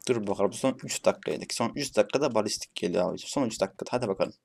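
This gaming YouTuber talks very fast in a lowish, gravelly voice while commentating on his gameplay. The young man keeps it casual and chatty, playfully swearing at the bots and shouting whenever frustration hits.

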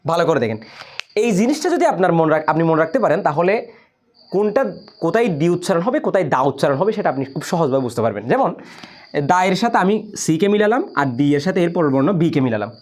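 A man's voice: on the high side, quick pace. A young man, an English teacher, explaining grammar to students and often asking whether they follow. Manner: lively, questioning the listener directly.

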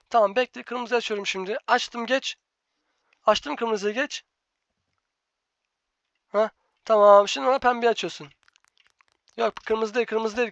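A gaming channel host talks through live gameplay, bossing a teammate around and repeating the same instructions with growing exasperation. The recording is dull and lo-fi, with a dry, close sound and no room echo. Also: mid-range voice.

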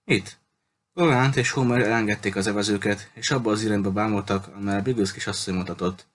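A man reading a novel aloud in a steady, measured way. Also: on the low side. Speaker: audiobook reader.

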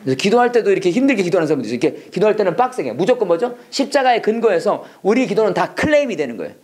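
An instructor teaches prayer-English in a classroom, with a voice that leaps up and down across a wide, expressive range. Questions keep coming at the students, who are pushed to repeat each line. Casual explanation alternates with English phrases spoken slowly and deliberately. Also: mid-range voice. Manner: lively, coaxing, asks the class questions and has them repeat; switches between Korean explanation and slow English model phrases. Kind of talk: classroom lecture with call-and-response drills.

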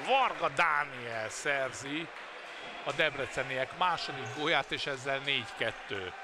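A man with a Hungarian accent giving excited live futsal commentary, exclamatory in manner. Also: mid-range voice, crowd noise. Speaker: sports commentator. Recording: loud sports hall noise behind. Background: indoor sports hall ambience, bouncing ball.

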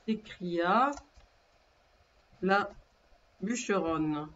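A woman teacher giving a dictation lesson, speaking slowly and carefully, repeating and spelling words aloud. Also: on the low side, fairly bright tone, highs cut off.

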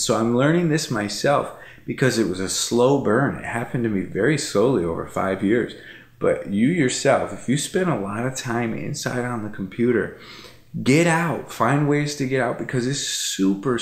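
At night on his living room couch, a vlogger in his thirties talks casually in a medium-pitched voice with lively intonation and normal speed. He rambles and repeats himself with lots of fillers, and the room sounds echoey.

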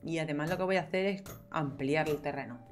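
A woman's voice: sits low, fast. Chatty young woman gaming. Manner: chatty, talks to herself and viewers, playful exclamations. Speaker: gameplay streamer. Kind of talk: casual gameplay commentary.

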